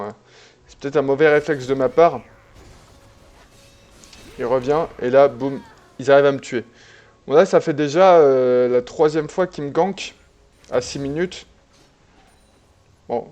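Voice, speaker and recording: Watching back a replay of an online game he played, a man chats casually in a mid-range voice. He is relaxed, dropping plenty of fillers and restarting his sentences.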